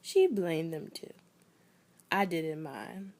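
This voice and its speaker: A young woman telling a performed personal story with wry humor, swinging between loud bursts and near whispers. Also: sits low, very animated, takes it slowly.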